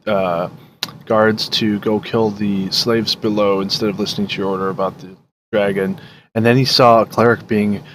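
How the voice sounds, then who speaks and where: A man's voice: fairly low pitch, slight background noise. A man narrating a tabletop game as dungeon master in a casual, laughing way.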